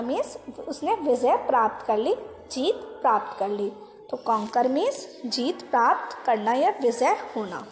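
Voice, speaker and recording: A woman school teacher, giving a vocabulary lesson to children, repeating each word and its meaning, asking questions and answering them herself, and spelling words out slowly. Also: high-pitched, long reverb tail. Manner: addresses the class as children.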